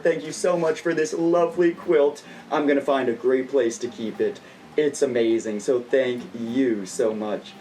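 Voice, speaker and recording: Man, late twenties, kids' party magician style, playful showmanship, mid-pitched, slightly off-mic, faint background noise. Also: a little mellow, recorded from a distance, poor audio. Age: late 20s. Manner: playful, exaggerated showmanship with corny jokes. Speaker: magician and video host.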